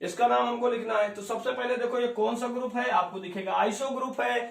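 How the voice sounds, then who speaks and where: A man's voice: very high-pitched, fairly even intonation, brisk, vocal fry, fairly bright tone. A male chemistry teacher lecturing a class, firing questions at his students and answering them himself, calling them beta and bhaiya. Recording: echoey room, voice from far off.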